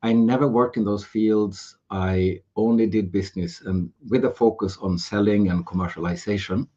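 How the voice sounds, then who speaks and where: A man's voice: lowish voice, fairly even intonation, normal speed, mellow, lo-fi sound. A man from Sweden, a guest on a casual video-podcast interview, talking in a jovial, joking way that drifts into tangents. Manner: jovial, tangent-prone, laughs easily. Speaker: podcast guest, pharma business advisor. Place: home room with air conditioning.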